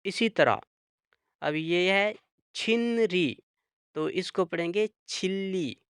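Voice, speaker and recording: A man teaching a language lesson, slowly explaining rules and repeating each example word. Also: high voice, fairly bright tone, smooth, no room sound, clean studio sound. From Pakistan. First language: Urdu. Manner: spells out and repeats example words.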